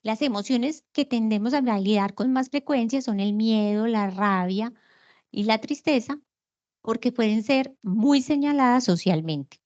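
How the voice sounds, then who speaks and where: A woman's voice: on the high side, unhurried, a little mellow. Woman lecturer, explanatory, rhetorical questions, somewhat dull lo-fi recording. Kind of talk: online lecture on emotions.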